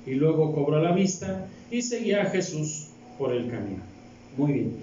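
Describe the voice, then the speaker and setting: A man's voice: fairly high pitch, very animated, normal speed, warm tone, slight background noise. A man with a Mexican accent, a deacon preaching a sermon and reading scripture, asking the congregation question after question. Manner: asks the congregation rhetorical questions. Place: church hall. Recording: very echoey hall, distant mic, dull sound.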